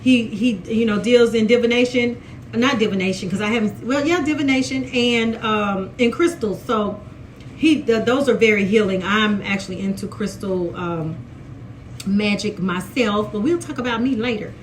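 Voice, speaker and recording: A woman's voice: a little high, normal speed, a little hiss or hum. Chatty Mississippi woman recapping a show. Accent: Southern US, Mississippi. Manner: chatty, animated, restarts a lot. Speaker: TV recap vlogger. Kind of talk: casual episode recap.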